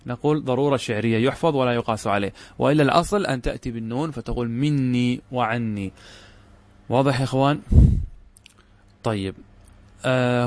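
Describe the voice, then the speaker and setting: A man teaching a classical Arabic grammar lesson, explaining step by step and often asking his students whether the point is clear. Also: medium pitch, dry recording.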